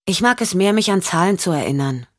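A woman's voice: fairly low pitch, animated, fairly quick, studio quality, pitched above the performer's own voice. A woman voicing a withdrawn, odd young girl who gives blunt short answers and echoes words, for an audiobook.

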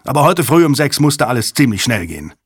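A man's voice: mid-range voice, sing-song, quick pace, husky, dry recording, studio quality, pitched above the performer's own voice. A man playing a weary, defensive agency commander. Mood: justifying. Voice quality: firm, justifying, slightly impatient. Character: weary, defensive middle-aged male intelligence commander. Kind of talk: audiobook character voice.

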